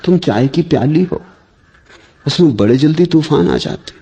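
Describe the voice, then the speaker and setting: Man, spiritual discourse, mellow dark voice, measured rhetorical delivery. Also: on the high side, animated, muffled recording. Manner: slow, measured, rhetorical questions to listeners. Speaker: spiritual speaker.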